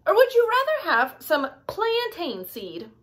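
Casting: giggly storybook frog waitress voiced by a woman, chirpy, very high and animated. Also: unhurried, heavily acted. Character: cheerful, giggly female frog running a restaurant.

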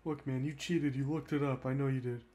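Laughing gamer guy over loud noise. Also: medium pitch, fairly even intonation, brisk. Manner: laughing, teasing. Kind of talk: casual chat while gaming.

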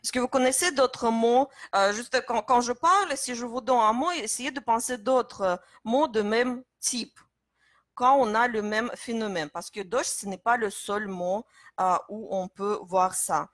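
A woman's voice: fairly high pitch, unhurried, no echo. A woman teaching pronunciation in French, explaining step by step with many hesitations. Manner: explanatory, many fillers and restarts. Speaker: Russian teacher. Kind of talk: live-stream pronunciation lesson.

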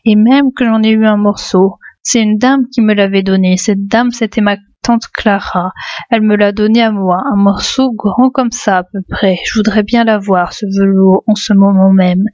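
A woman reading the part of a simple-minded, childlike farmhand, speaking slowly and earnestly in an audiobook. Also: medium pitch, steady tone, a little mellow, no room sound, highs cut off, lightly acted. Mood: delighted.

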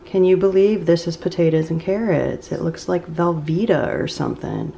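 On the low side, gravelly and dark, a woman's voice at moderate pace is recorded from a distance with slight background noise. In her thirties, she chats while cooking in a small home kitchen for a casual vlog, moving about so the camera mic varies, with echo and off-mic moments.

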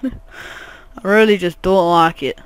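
High-voiced, unhurried gamer rambling. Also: male voice, steady tone, clear, resonant tone, dry recording. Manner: rambling, jokey, swears a lot. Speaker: gaming channel host. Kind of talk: let's play commentary.

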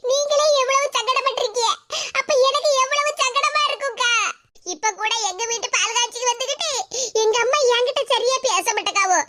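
A woman voicing a sulky, jealous young married woman in a cartoon, complaining in a Tirunelveli Tamil accent. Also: heavy background noise. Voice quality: high and squeaky. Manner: whiny, complaining.

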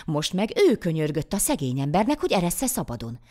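A woman narrating a folk fairy tale in an expressive, animated storytelling voice. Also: deep voice.

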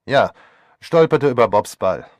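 A man's voice: medium pitch, animated, a little slow, dry recording, lightly acted. A man reading an audiobook voices a flippant young man who talks in a breezy, sardonic way. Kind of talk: audiobook character voice.

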